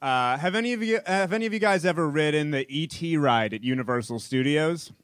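A man's voice: a little high, expressive, brisk, fairly bright tone, no room sound. Wry man telling a comic story. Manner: casual, conversational, wry. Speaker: storyteller comedian. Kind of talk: stand-up storytelling. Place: comedy stage before a live audience.

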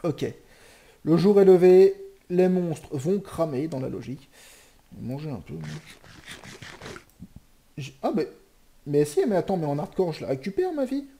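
A young man commentating a live Minecraft game, joking and swearing, shouting in panic and then muttering to himself. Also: a little high, sing-song, measured pace, long pauses. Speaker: gaming streamer.

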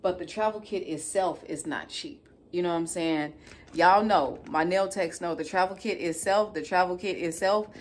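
A woman's voice: lowish voice, moderate pace, slight background noise. A woman in her thirties with a Chicago accent, chatting casually and colloquially as she tells a story in a vlog. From Chicago, United States. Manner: conversational, colloquial, frequently tags phrases with "you know what I'm saying". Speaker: nail technician vlogger. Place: living room at home, indoors.

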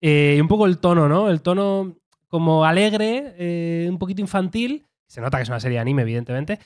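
A man's voice: on the high side, animated, a little fast, a little mellow. A man from Spain co-hosting a casual tech podcast, chatty and rambling with filler words. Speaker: podcast co-host. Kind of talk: casual chat.

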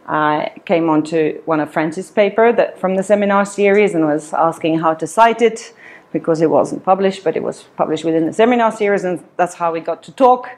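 A woman's voice: on the low side, a little mellow. A woman from Switzerland giving a seminar talk in a meeting room, with many ums and uhs, filmed by a camera across the room. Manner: many fillers, hesitant, laughs often. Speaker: seminar speaker. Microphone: far camera.

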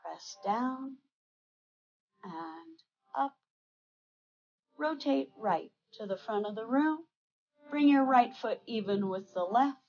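Slow-paced older woman giving serene tai chi cues. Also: a little high, lively intonation, a little mellow, highs cut off.

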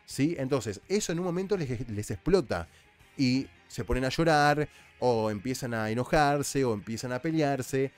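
A man's voice: medium pitch, expressive, normal speed, soft background music. A man with an Argentine accent giving casual commentary as a reality show recap host, chatty and explanatory. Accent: Argentine Spanish. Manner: chatty, explanatory, with frequent restarts.

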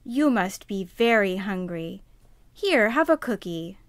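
A woman voicing a kind, timid little girl in a children's puppet show, sweet and deliberate. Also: medium pitch, expressive, no room sound.

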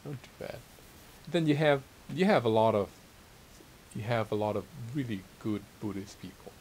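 A middle-aged Thai man, a theology teacher and author, answers interview questions in a casual sit-down chat in a small library room with armchairs. His lowish voice moves at normal speed as he responds modestly and hesitantly, searching for words, over a rough recording with steady hiss and room noise.

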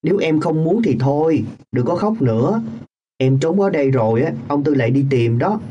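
A woman's voice: sits low, expressive, moderate pace, mellow, breathy edge. A woman voicing a poor teenage boy who sells lottery tickets, speaking in a coaxing, brotherly way in a radio drama.

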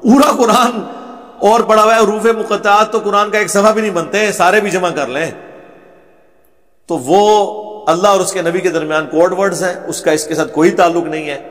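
A man giving a religious lecture. He recites Arabic verses slowly, then explains them in conversational Urdu and argues his points with anecdotes. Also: sits high, a bit bright. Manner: argumentative, tells anecdotes. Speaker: religious scholar. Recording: echoey hall reverb.

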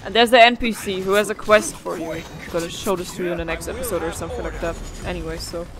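A woman's voice: fairly low pitch, steady tone, quick pace, over music. Rambling young woman gamer. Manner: rambling, reactive. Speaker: gaming let's player. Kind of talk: casual playthrough commentary.

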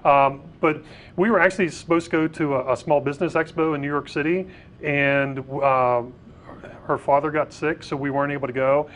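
A man's voice: on the high side, fairly even intonation, moderate pace, fairly bright tone, a little hiss or hum, poor audio. A middle-aged man who owns a restaurant, talking as a guest on a TV cooking segment. He rambles, with many fillers and repeated words. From Pennsylvania. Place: studio kitchen set, indoors. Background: faint sizzling of frying food.

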